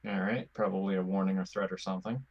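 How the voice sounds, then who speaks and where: A man with a fairly low voice joins a tabletop role-playing session. He talks casually and makes practical suggestions to the group. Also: little pitch movement, fast, vocal fry, dull audio. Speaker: player.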